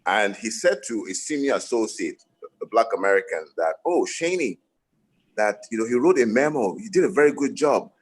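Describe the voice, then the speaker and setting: A middle-aged Nigerian lawyer on a panel discussion tells reflective stories, often restarting his sentences. His voice is lowish with big pitch swings, at a moderate pace.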